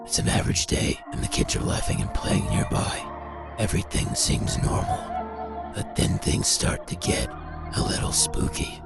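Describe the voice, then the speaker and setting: Deep-voiced male narrator, gravelly, animated delivery, for creepy-footage narration. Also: moderate pace, over loud music. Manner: dramatic, suspenseful storytelling. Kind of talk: scripted narration of paranormal clips.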